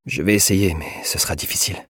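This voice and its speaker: A man voicing a stern young soldier in a storybook reading, with a low, firm voice that turns soft and hushed. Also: steady tone, brisk, breathy edge, no room sound, studio quality. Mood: gentle, hushed. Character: stern young male soldier, harsh in public, tender in private.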